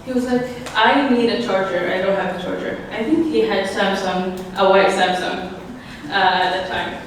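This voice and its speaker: A woman's voice: mid-range voice, steady tone, normal speed. A teenage girl from Syria giving a nervous, hesitant personal speech at an event, with many fillers and small laughs. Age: teens. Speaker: new citizen speaker. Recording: echoey hall from far off, noisy.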